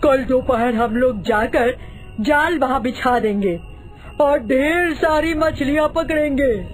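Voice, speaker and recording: A woman voicing a scheming male village fisherman who talks in a loud, gleeful, drawn-out way. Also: high-pitched, soft background music, poor audio.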